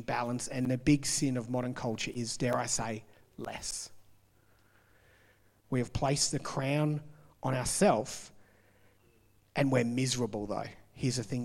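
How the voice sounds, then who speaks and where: A man's voice: on the high side, big-room sound. Man preaching a conversational sermon. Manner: conversational preaching with emphatic pauses. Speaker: pastor.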